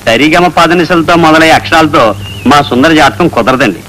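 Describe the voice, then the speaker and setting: Comic schemer: fast, bright, high-pitched. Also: male voice, slight background noise, poor audio. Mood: scheming. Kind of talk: comic film acting.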